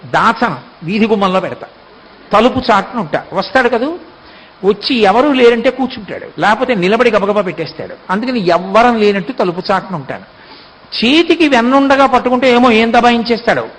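A man giving a devotional discourse, telling a story with lively delivery and acting out the characters. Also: high voice, brisk, poor audio. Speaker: spiritual discourse speaker.

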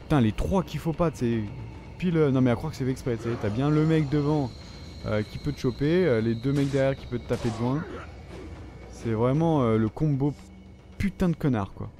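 A man's voice: mid-range voice, a little fast, dark tone. A French man commenting on his own gameplay, swearing and reacting as he plays. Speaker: gamer. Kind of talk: let's play commentary. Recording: noisy background.

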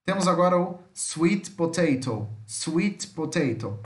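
A man with a fairly high voice teaches English vocabulary. He walks through each word step by step and keeps checking that his students follow. The room around him is echoey. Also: animated, takes it slowly. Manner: explains step by step, checking in with a frequent "tá?". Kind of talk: classroom lesson explanation.

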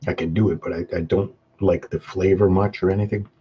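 A man speaks fairly quickly with a flat delivery. He's a hot sauce vlogger from Canada, chatting casually live on webcam over spicy pizza, humming and chewing between short remarks while sweating from the peppers. The webcam mic recording is dull and low-fi with faint background noise.

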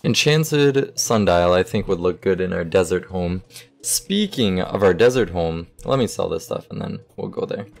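A young man giving relaxed, casual commentary over his game, thinking aloud as he sorts items, with the hiccups. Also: low voice, moderate pace, gravelly. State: has the hiccups. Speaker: gaming YouTuber.

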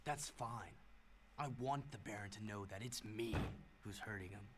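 Grim vengeful young hero voiced by a man, slightly low, cold and determined, noisy far-off game audio. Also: moderate pace, lightly acted. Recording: distant game audio with noise.

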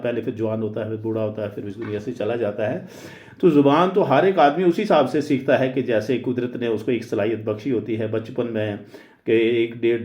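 A man teaching in a deliberate lecture, pausing often on "uh" and mixing English phrases into his speech. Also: mid-range voice, darkish tone. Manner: deliberate, hesitant with frequent "uh" fillers. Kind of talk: explanatory lecture. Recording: roomy, dull lo-fi recording.

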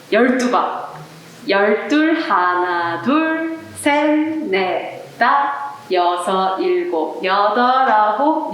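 A woman leads an online rhythm lesson, speaking straight to viewers and counting beats out loud. Her voice sits a little high. The recording is very echoey and picked up from a distance. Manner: friendly, counts beats aloud, addresses viewers directly. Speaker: flamenco rhythm instructor. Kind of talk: online arts class lesson. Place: indoor room, seated. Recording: very echoey room, voice off-mic.

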